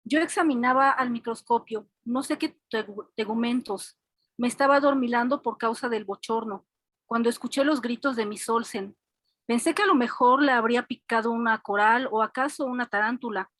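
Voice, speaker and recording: A woman student reads a story aloud in a fairly high voice. She gives the lines life as she goes. The sound is dry and close. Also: moderate pace, fairly bright tone, no room sound.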